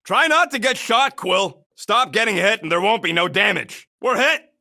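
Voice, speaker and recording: An actor voicing a cocky, irritable raccoon mercenary in a video game, with a rough street-tough voice and brash, sarcastic, slangy delivery. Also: male voice, high voice, lively intonation, moderate pace, pushed and bright, full character voice. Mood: taunting, agitated. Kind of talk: video game character barks.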